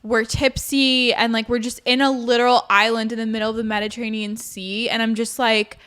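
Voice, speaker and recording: A woman's voice: little pitch movement, fairly quick, fairly bright tone, clean tone. A woman chatting casually as a show co-host, with gushing, emphatic millennial girl-talk full of filler slang. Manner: millennial girl-talk, peppered with "like", "literally", "low-key". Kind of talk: casual chat.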